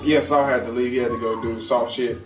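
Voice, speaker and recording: A man's voice: mid-range voice, steady tone, fairly quick, over music. A man hosting a casual talk show, chatting in loose slang with plenty of swearing. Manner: slangy, profane banter. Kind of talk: casual chat. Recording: roomy echo, distant mic.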